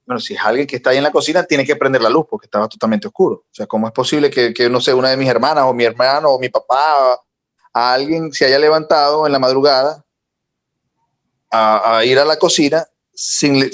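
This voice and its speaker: A young man, co-host of a talk podcast, telling a personal story in a casual, animated way that builds in intensity. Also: medium pitch, a little fast. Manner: animated, recounting with rising intensity.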